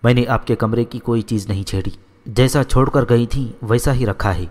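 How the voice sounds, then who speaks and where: A man's voice: mid-range voice, darkish tone, big-room sound, natural voice. A man voicing a devoted, simple-hearted female house maid in a storybook reading, in his own plain voice. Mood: devoted, pleading.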